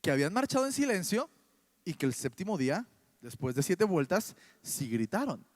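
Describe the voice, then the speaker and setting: A man with a Mexican Spanish accent preaching a sermon in church, animated and full of rhetorical questions. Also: sits high, normal speed.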